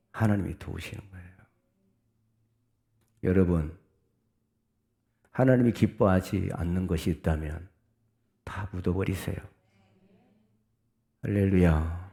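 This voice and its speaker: A middle-aged man preaching a Sunday sermon in a low voice. His tone is dark and mellow, and he swings from quiet, earnest explanation to sudden loud calls. Now and then he stops to read scripture aloud with the congregation. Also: unhurried, creaky, long pauses. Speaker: pastor.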